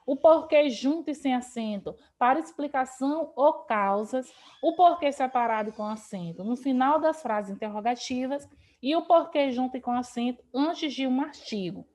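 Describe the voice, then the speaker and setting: A woman's voice: high voice, normal speed, darkish tone. A Brazilian woman teacher explaining a grammar lesson over a video call, patient and repeating key points. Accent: Brazilian Portuguese.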